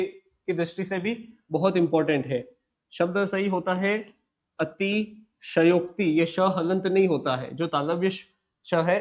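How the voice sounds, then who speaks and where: A man teaching Hindi grammar, slowly dictating words and repeating each one as a question and answer. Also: high-pitched, darkish tone. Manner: repetitive, asks and answers himself, slow dictation. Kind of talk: classroom lesson dictating words.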